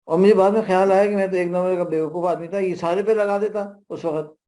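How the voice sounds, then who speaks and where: This parenting workshop speaker is a middle-aged man with a Pakistani accent and a somewhat high pitch, and his tone stays mellow, gentle and steady. He lectures conversationally, telling anecdotes and frequently drifting off into side remarks.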